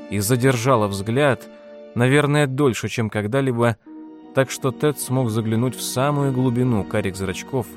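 A man narrating an audiobook in a steady, measured reading style. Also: mid-range voice. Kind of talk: scripted narration.

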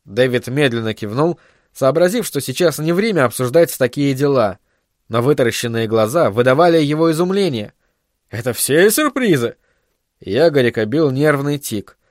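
A man reading a novel aloud in steady, even scripted narration. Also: medium pitch, moderate pace, dry recording, clean studio sound. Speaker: audiobook narrator.

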